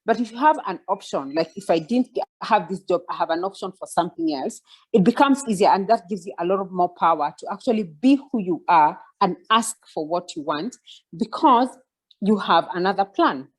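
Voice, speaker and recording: Her voice lowish, expressive and slightly rough, a guest speaker in her forties talks fairly quickly in a reflective mentoring session over video call. She restarts often, leans on fillers, and asks listeners to follow along.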